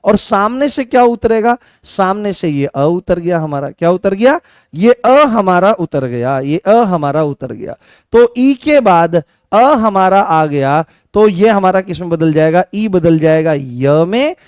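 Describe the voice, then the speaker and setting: His voice is expressive and smooth, high for a man, with a measured pace, in a close, dry recording without room sound. He's a Rajasthani Hindi–accented teacher running an online exam-prep grammar lesson, repeating each point, coaxing students with questions and calling them beta, and responding to viewer comments by name.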